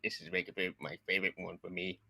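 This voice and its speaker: Bright low man, loose chatter. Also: level tone, quick pace, vocal fry, slightly rough, no echo. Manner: loose, filler-heavy with "like". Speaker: panelist. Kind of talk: casual livestream chat.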